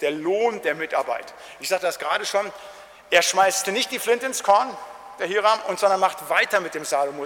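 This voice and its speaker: A man preaching a sermon in a lively, colloquial storytelling way, acting out quotes. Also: sits high. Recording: hall reverb.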